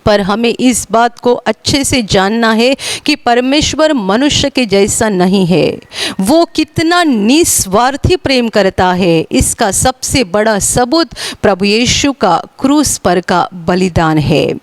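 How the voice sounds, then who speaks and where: Woman from India, sermon preacher, high voice, slow earnest delivery, dry sound. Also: animated, dry recording. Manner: earnest, repetitive, rises in pitch for emphasis. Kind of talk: Hindi sermon.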